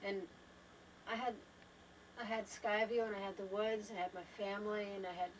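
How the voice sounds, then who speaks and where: A woman's voice: mid-range voice, fairly even intonation, fairly quick, distant mic, slight background noise, rough recording. An older woman in a travel trailer, talking thoughtfully and unhurriedly to a home video camera, often trailing off and restarting her sentences. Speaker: wife in a family home video. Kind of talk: casual reflective talk to camera.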